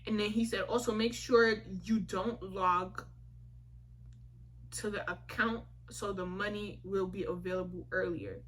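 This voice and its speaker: A young adult woman vlogger telling a story in a casual, animated way, acting out dialogue and using slang. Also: mid-range voice, unhurried, slight background noise. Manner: animated retelling full of quoted dialogue and slang.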